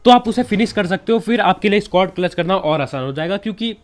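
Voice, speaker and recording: Young guy w a bit of a cold, slightly high voice, chill chatty gaming tips. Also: quick pace. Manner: chatty, keeps saying yaar and bhai, relaxed advice. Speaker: gaming YouTuber giving tips. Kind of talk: casual gameplay commentary.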